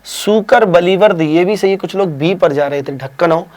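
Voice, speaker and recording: A man teaching a live online spelling quiz, who urges students to answer fast, praises them briskly, teases them, and stretches each word out slowly. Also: high-pitched, a little mellow. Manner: drawn-out slow spelling of words, brisk praise and teasing. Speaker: Hindi exam teacher.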